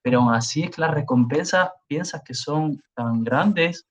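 A man's voice: fairly high pitch, a little slow. A man from Spain, a university professor, talking emphatically as an interview guest and repeating words for stress. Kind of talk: conversational interview. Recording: dull lo-fi audio.

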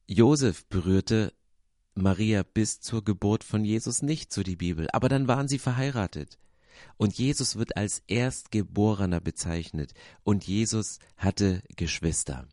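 A man's voice: fairly low pitch, measured pace, dark tone, no echo, studio quality. A man hosting a devotional podcast, speaking earnestly and reflectively and reading aloud from the Bible. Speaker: podcast host.

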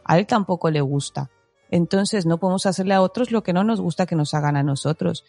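A woman in her thirties chatting about parenting, telling stories with animated acted-out quotes. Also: lowish voice, a little fast, no room sound, faint music behind. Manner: animated storyteller, acts out quotes with laughter. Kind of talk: casual parenting chat.

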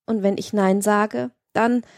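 A woman's voice: medium pitch, steady tone, takes it slowly, a little mellow, dry recording, studio quality. A woman reading an audiobook, voicing a cold, imperious woman who commands her lover in a stern, haughty way. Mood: stern, commanding. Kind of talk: audiobook reading of a classic novel.

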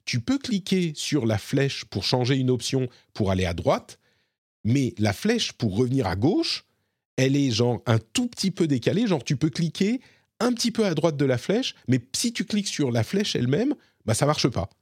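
A man co-hosting a casual live stream chat about video games, talking in a relaxed, hesitant way with many fillers and restarts. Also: mid-range voice, normal speed, breathy edge, no room sound, studio quality. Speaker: gaming stream co-host.

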